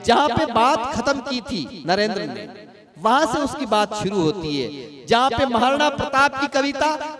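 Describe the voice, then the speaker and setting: High, lively male stage anchor. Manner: emotional, rousing. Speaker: stage anchor of a poetry gathering. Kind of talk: stage announcing with recited verse. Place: large live venue with audience. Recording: crowd noise from a live hall.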